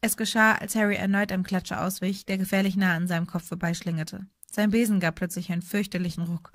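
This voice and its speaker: Steady female audiobook narrator, close dry studio sound. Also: mid-range voice, quick pace, no echo. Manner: steady storytelling. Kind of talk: scripted narration.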